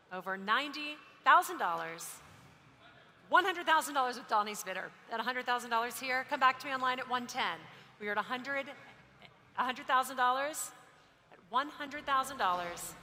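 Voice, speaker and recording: A woman's voice: sits high, bright, forceful tone. A woman auctioneer calling bids live, repeating figures in a courteous, practiced way. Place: large auction hall. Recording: echoey hall with background noise.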